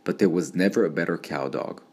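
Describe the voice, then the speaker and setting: A man's voice: sits low, fairly quick, a little mellow, slightly rough. A man reading an audiobook, voicing a polite, good-humored young cowman in a friendly, easygoing manner.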